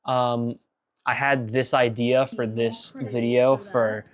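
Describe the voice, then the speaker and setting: A man talking through his own old video in a slow, unhurried ramble, full of fillers. He picks at his past mistakes as he goes, with a voice of ordinary middle pitch. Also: flat delivery. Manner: rambling and self-critical, many fillers. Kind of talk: casual director's commentary.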